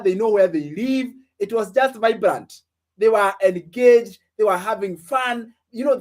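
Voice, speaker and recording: A late-twenties online business coach speaks in a high-pitched voice with a darkish tone. His motivational teaching leans on direct questions to listeners and emphatic repetition.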